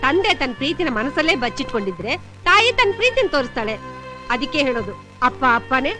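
A woman's voice: high-pitched, big pitch swings, fast talker, over music. An actress playing a doting middle-aged mother who pleads on behalf of her son. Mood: pleading. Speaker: the hero's mother. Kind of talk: Kannada film dialogue.

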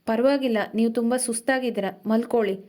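A woman's voice: fairly high pitch, steady tone, dark tone, natural voice. A woman voicing an emotional young woman, hurt and close to tears, in an audio story. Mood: subdued. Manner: quick, pleading, tearful edge.

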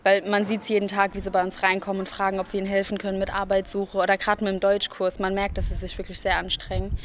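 A woman's voice: mid-range voice, monotone, quick pace, a little hiss or hum. An eighteen-year-old woman from Germany, a volunteer, answering interview questions outdoors into a handheld mic. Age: teens. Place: outdoors by a building. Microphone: handheld mic held by interviewer.

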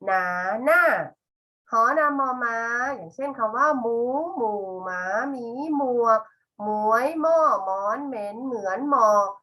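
A middle-aged woman teaches a lesson at an unhurried pace, pausing to spell out each example word. Her voice sits a little high and sounds bright and clear. She sounds patient throughout. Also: lively intonation. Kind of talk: slow, clear classroom lesson.

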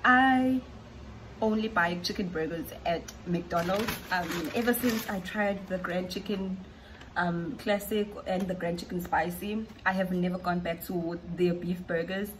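A woman's voice: fairly low pitch, a little slow, background noise. A South African woman vlogging casually at home, chatty and fond of repeating words for emphasis. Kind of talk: casual vlog chat.

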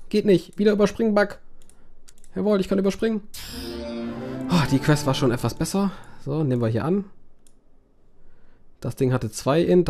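A man's voice: on the high side, a little mellow. A man doing let's play commentary on a browser game, swearing and groaning at it with sudden dramatic outbursts, his voice strained from talking for hours.

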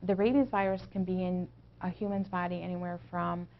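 A woman in her forties gives unscripted answers in a news interview. Her voice is on the low side and quite creaky, with little variation in pitch. The recording is a bit dull. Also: level tone, fairly quick, slight background noise. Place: small indoor office.

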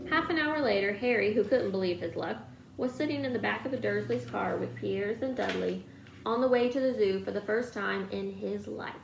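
A woman's voice: medium pitch, creaky, reverberant, noisy background. A woman reading a novel aloud, telling the story steadily. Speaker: reader.

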